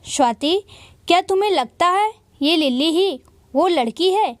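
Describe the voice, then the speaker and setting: A woman's voice: extremely high pitch, expressive, a little slow, dry recording, clean studio sound, voice pushed up. A woman voicing a caring young man in a storybook reading, anxious and reassuring.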